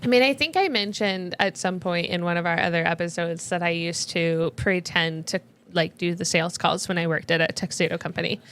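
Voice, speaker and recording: A woman's voice: lowish voice, a little fast, few pauses, fairly bright tone, a little hiss or hum. A young adult woman co-hosting a podcast, talking about a book in casual chat and laughing often. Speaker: podcast co-host.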